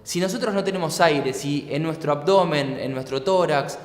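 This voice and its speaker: A man with an Argentine accent teaches a lesson in a somewhat high voice, laying out each point patiently and clearly. He keeps posing rhetorical questions to his listeners. The sound is roomy, with a long echo trailing off the walls. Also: moderate pace. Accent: Argentine Spanish. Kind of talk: explanatory lecture. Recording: echoey room with long reverb.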